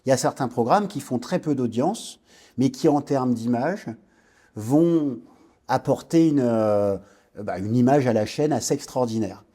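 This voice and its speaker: Warm-voiced man telling his story. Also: medium pitch, unhurried. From French Guiana. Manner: reflective storytelling, frequent hesitations and restarts. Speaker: guest entrepreneur. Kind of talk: podcast interview.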